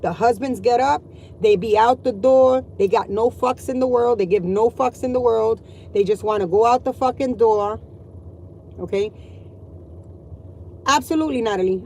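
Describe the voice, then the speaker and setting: A woman's voice: fairly high pitch, a little mellow, slight background noise, low-quality recording. Blunt, profane middle-aged woman ranting. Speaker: mother venting to viewers. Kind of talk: ranting vlog monologue.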